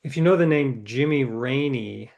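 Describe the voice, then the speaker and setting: Here the guest author's voice sounds creaky and a little mellow, at medium pitch and normal speed. The middle-aged man reflects on his experiences through anecdotes in an interview, sometimes stumbling into hesitant restarts.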